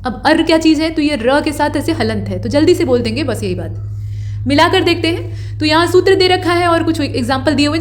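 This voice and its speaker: High-voiced woman teaching grammar. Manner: explains step by step, repeats key points. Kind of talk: exam-prep grammar lesson.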